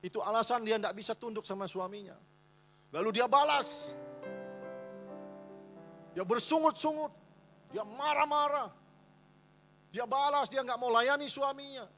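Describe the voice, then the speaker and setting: A man's voice: very high-pitched, a little slow, long pauses, a bit bright, faint music behind. A male pastor preaching a sermon in a church, with an emphatic manner. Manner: emphatic preaching, voicing complaining wives in quotes.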